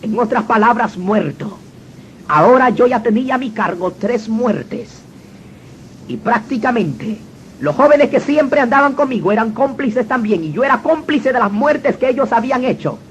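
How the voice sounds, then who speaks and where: High-voiced man giving earnest testimony. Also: animated, moderate pace. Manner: earnest, dramatic storytelling. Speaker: testimony speaker. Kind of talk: personal testimony. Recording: dull lo-fi recording with faint noise.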